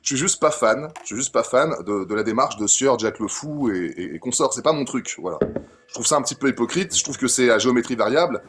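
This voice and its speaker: A man's voice: mid-range voice, lively intonation, fast talker, background noise. A man in a casual online debate, talking argumentatively and restating his points with emphasis and repeated words.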